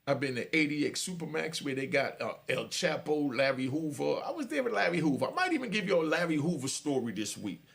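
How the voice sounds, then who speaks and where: A man in his fifties, once a prisoner, speaks directly to the camera, preaching warnings to young people in a monologue. His voice sits on the high side and is fairly bright, with a sing-song lilt and vocal fry. He talks a little fast and rarely pauses.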